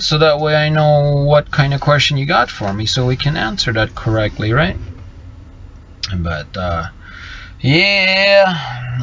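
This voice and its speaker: Reading his live chat from a parked truck, a middle-aged vlogger from Bolivia, Low German being his first language, chats casually in a middle-pitched, slightly bright voice. He's halting, restarting sentences and reaching for words amid many fillers, over a slightly muffled recording with faint noise.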